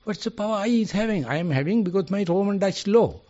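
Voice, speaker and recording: A man with a Sri Lankan accent, a Buddhist monk giving an informal dharma talk in an earnest, halting way, often pausing to search for words. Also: sits high, lively intonation, mellow, lo-fi sound.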